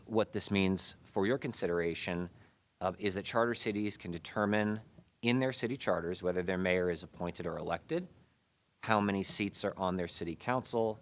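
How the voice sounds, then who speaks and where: An American man, probably in his thirties, gives a formal, measured presentation at a public meeting, his voice muffled by a face mask. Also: low voice. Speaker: city staff presenter reporting to a committee. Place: indoor city committee meeting room.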